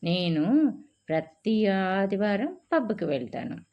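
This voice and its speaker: A woman's voice: medium pitch, very animated, takes it slowly. A woman voicing a bold, outspoken young working woman who talks directly and asks pointed questions, on a dull lo-fi recording. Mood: probing.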